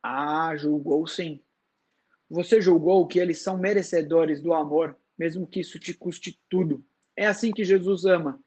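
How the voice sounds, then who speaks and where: A wise, serene woman, read by a man with a high voice in a dramatized book reading. She speaks softly and slowly but never gives ground. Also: steady tone. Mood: soft, tender. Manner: soft, slow and firm. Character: calm wise woman, gentle and insistent.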